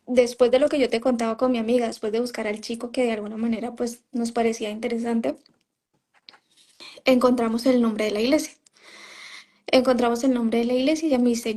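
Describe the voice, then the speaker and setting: A woman's voice: a little high, mellow. A woman giving a personal testimony in an interview, telling her story in a conversational way and often quoting what she said at the time. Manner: storytelling, often quoting herself, frequent "¿sabes?" and "o sea". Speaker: interview guest, former member of a religious group.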